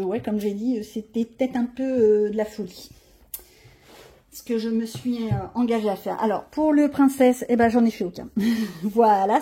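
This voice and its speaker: A woman's voice: on the high side, mellow, slight background noise. A woman hosting a coloring channel, chatting casually and showing her pages, grumbling and poking fun at herself. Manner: chatty, grumbling and self-mocking.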